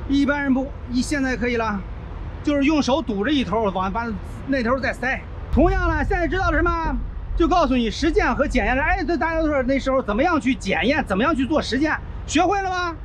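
A man's voice: extremely high pitch, animated, quick pace, slight background noise. A middle-aged man from China, a trucker vlogger, bluntly explaining a truck repair step by step and swearing freely, filmed on a body-worn camera in an outdoor truck yard. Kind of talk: casual how-to commentary while repairing. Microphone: body-worn action camera.

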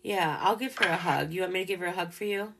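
A woman hosting a paranormal live stream in casual chat, gentle and openly emotional as she speaks to spirits directly. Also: lowish voice, fast talker, slight background noise.

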